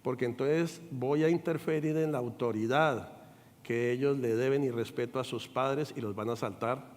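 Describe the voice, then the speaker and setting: An older man, a pastor, preaching a sermon with animated delivery, acting out quoted voices and checking in with the congregation. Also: mid-range voice, moderate pace, long reverb tail. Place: church sanctuary.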